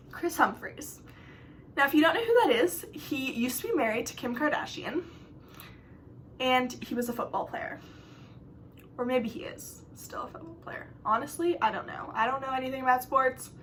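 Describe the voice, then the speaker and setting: A young woman with a high, bright, lively voice tells her own travel stories to the camera. Her delivery is chatty and dramatic, going loud at the big moments and dropping low for asides. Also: slight background noise. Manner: chatty, dramatic, swings between loud and hushed. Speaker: vlogger. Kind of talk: storytime vlog, casual storytelling.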